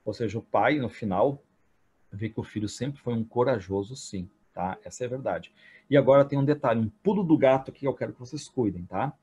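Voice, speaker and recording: A man teaching a literature class for entrance exams, retelling a story and often adding quick tag questions. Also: mid-range voice, warm tone, slightly rough. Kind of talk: exam-prep literature lecture.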